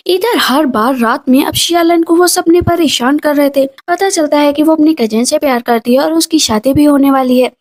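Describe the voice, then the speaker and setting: A woman's voice: sits high, a little mellow. A woman narrating a drama recap, retelling each scene and quoting the characters' lines, mixing in English words. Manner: retells scenes with quoted dialogue, Hindi mixed with English words.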